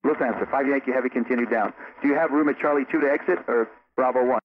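A man working as an air traffic controller, giving calm, measured instructions to pilots over a radio with static bursts. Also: mid-range voice. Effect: radio transmission with static bursts. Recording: tinny radio with faint static.

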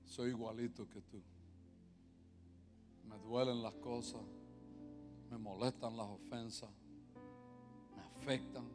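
A man preaching a sermon as pastor, moving from quiet confiding talk to loud, impassioned preaching and slipping in English words. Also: medium pitch, fairly even intonation, slow, long pauses. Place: large church hall. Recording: long hall reverb with music behind.

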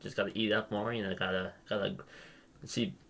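A man's voice: fairly low pitch, level tone, brisk, a bit bright. A young man hosting a casual gaming chat, rambling, restarting his sentences and putting himself down. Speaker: channel host.

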